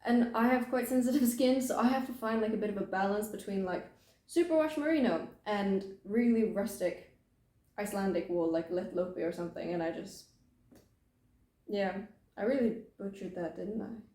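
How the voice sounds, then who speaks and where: A woman's voice: medium pitch, normal speed, dark tone. A young British woman hosting a knitting podcast, chatting casually from home in a rambling, self-deprecating way with plenty of filler words. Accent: British English. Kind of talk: casual chat. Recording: roomy echo.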